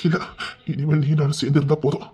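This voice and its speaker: A man's voice: a little high, level tone, fast talker, warm tone, husky. A male storyteller who reads an audio love story, voicing its characters with emotional, tearful delivery. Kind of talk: dramatic audio story narration. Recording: dull lo-fi recording.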